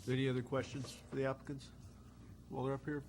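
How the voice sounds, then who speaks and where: A man's voice: mid-range voice, monotone, quick pace, darkish tone, slight background noise. A man chairs a public meeting informally, putting questions in hesitant pieces.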